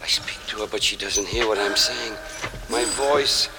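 A man's voice: lowish voice, measured pace, very noisy, close to an everyday voice. A man playing a tormented, pleading, vengeful monster in a theatrical horror monologue, with an anguished delivery that moves between whispers and cries. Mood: tender anguish. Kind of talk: dramatic monologue, horror audio drama.

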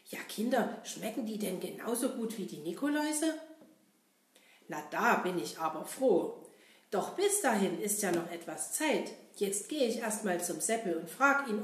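Kasper, a woman doing a cheeky jolly jester. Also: medium pitch. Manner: bright, excited, childlike. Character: cheerful cheeky male puppet jester, Kasper. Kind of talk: children's audio puppet play. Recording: roomy echo.

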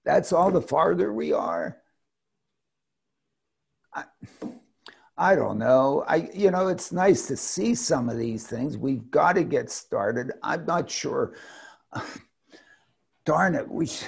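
A man's voice: on the high side, expressive, slow pace, vocal fry, pauses often, husky. A man co-hosting a discussion show, talking in an emphatic, exasperated, rambling way with many restarts. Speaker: podcast co-host, commentator. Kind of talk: casual opinionated discussion.

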